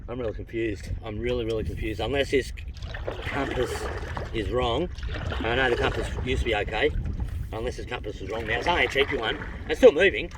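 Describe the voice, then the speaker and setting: A man's voice: mid-range voice, fairly quick. Blokey Aussie man, distant windy recording. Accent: Australian. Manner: laid-back, rambling thinking aloud, swearing, self-mocking. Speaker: vlogger. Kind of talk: casual chat to camera while paddling. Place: outdoors on a canoe on open water. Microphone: phone propped up in front of him. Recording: distant phone mic, clear wind and water noise.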